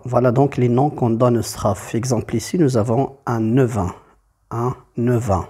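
A man's voice: medium pitch, dark tone, breathy edge. A man teaching a poetry lesson, explaining step by step and repeating key terms.

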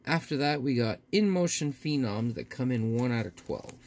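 A man with a gravelly voice giving casual, folksy unboxing commentary as a host talking to his viewers. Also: medium pitch, expressive, normal speed, darkish tone. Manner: folksy, often addressing viewers. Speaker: host of a card pack opening video. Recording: faint noise with crinkling wrappers.

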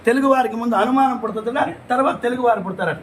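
A man, a priest, telling a religious story lively, with rhetorical questions and long lists. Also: extremely high pitch, very fast, slight background noise, low-quality recording. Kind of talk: storytelling talk.

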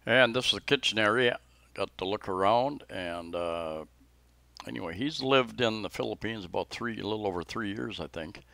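A man's voice: lowish voice, moderate pace, creaky, bright, forceful tone, dry recording. A man narrating a casual restaurant tour in an easygoing, hesitant way with many fillers, holding the camera. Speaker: vlogger touring a restaurant. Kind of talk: casual vlog narration and chat. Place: restaurant in the Philippines.

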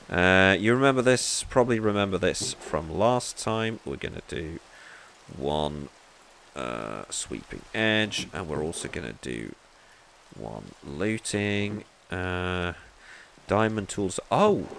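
A man's voice: deep voice, creaky, a bit bright, a little hiss or hum. A man hosting a gameplay video, chatting playfully and thinking aloud as he plays. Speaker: let's play host.

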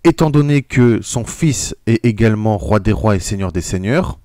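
A man's voice: lowish voice, expressive, normal speed, mellow, no echo, clean studio sound. Indignant man preaching. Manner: indignant, exclamatory, reads quotes aloud and comments. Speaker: religious video preacher. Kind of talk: audio sermon commentary.

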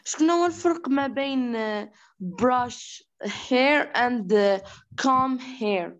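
Student, woman, Moroccan Arabic accent, high voice, hesitant question on a dull lo-fi call line. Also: slow pace. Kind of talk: asking a question in class.

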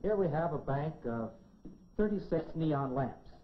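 Dressed in a lab coat, a middle-aged American science presenter hosts a scripted 1950s educational film indoors on a laboratory set, folksy with a dry wit. He talks at a measured pace in an expressive voice on the high side. The old film soundtrack sounds dull and clearly noisy.

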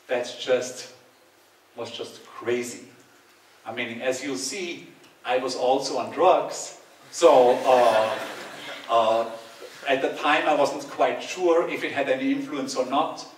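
A man, giving a relaxed, conversational talk and taking audience questions over a headset mic in a large hall. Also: mid-range voice, recorded from a distance, slight background noise. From Austria. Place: large bright hall with hard walls, indoors. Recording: echoey hall, speaker a bit off-mic.

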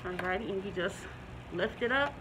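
A middle-aged woman reviewing a product in a casual vlog, talking through a face mask, chatty and relaxed with many ums and restarts. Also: medium pitch, moderate pace, a little hiss or hum, rough recording.

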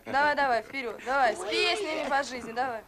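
An actress playing a curt, irritated shop clerk in a Soviet film drama. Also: female voice, sits high, brisk, a crowd in the background, natural voice. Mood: impatient.

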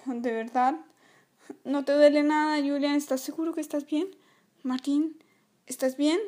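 A woman voicing a soft-spoken toy mom. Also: high voice, steady tone, unhurried. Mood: worried. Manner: soft, soothing, apologetic. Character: gentle worried toy mother, soft-spoken. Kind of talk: toy play acting.

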